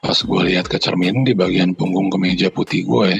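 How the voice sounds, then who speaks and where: A man's voice: sits low, fairly even intonation, brisk, faint music behind. A man co-hosting a podcast, chatting in slang and reading a listener's horror story aloud, sounding out the noises in it. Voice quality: gravelly, husky. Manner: banters in slang, then reads steadily with sound effects.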